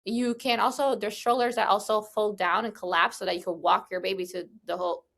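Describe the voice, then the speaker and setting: A woman co-hosting a podcast, chatting casually, asking questions and sharing quick tips. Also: mid-range voice, fairly even intonation, creaky, fairly bright tone.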